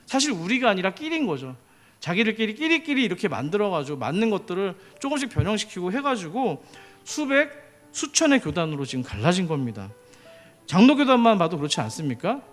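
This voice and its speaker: A man preaching a sermon as pastor, often putting questions to the congregation. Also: sits high.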